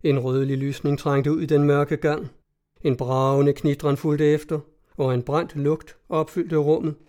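A man narrating a classic story in a measured storytelling manner. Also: a little high, little pitch movement, mellow. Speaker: audiobook narrator. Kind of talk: scripted narration of a classic tale.

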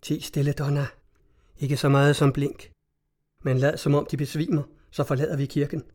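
A composed young nobleman speaks in a hushed, urgent way, voiced by a man reading a story aloud. The voice is a little high and mellow. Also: level tone, lightly acted. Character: young nobleman, calm and commanding under threat.

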